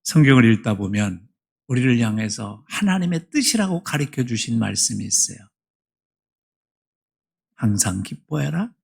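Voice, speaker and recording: Gravelly middle-aged pastor preaching emphatically. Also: male voice, mid-range voice, very animated, moderate pace, pauses often. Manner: emphatic preaching, swings from hushed to loud. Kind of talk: sermon. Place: church sanctuary.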